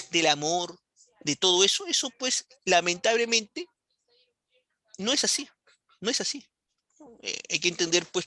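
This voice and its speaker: Animated teacher asking rhetorical questions. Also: male voice, high voice, dry recording. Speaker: history teacher. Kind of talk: online class lecture.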